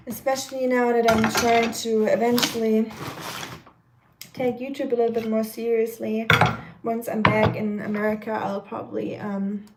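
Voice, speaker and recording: Cooking live on stream, a young woman from Germany talks casually in a fairly high, slightly nasal voice, rambling with plenty of fillers. She reads viewers' chat comments out loud, and the background is noisy.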